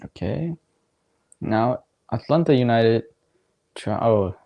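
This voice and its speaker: A man's voice: medium pitch, slow, creaky. A young man casually talking over a soccer match on his livestream, rambling with lots of fillers and little laughs. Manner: relaxed, rambling, filler-heavy, laughs often. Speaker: livestream watchalong host. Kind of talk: casual live commentary.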